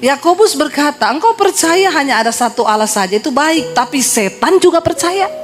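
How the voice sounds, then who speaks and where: Lady pastor preaching, high voice, funny and chatty, acts out little dialogues, music playing under her. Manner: humorous, conversational, acts out dialogue. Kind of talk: sermon with storytelling.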